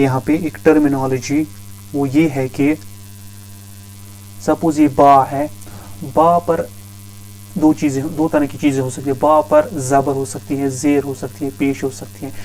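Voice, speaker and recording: A man's voice: on the high side, dark tone, poor audio. A man teaching a grammar lesson, patiently repeating each term several times. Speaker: Arabic teacher.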